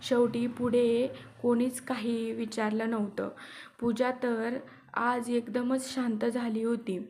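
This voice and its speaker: Woman storyteller reading a story, fairly high voice, flat, with small restarts. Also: slow pace, a little hiss or hum. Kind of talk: scripted story narration.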